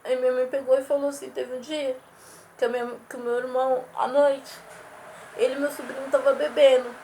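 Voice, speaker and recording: High gravelly woman recounting events. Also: flat delivery, fairly quick, warm tone, a little hiss or hum. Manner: rambling, repetitive retelling with restarts. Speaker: witness recounting a family assault. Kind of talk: casual spoken testimony.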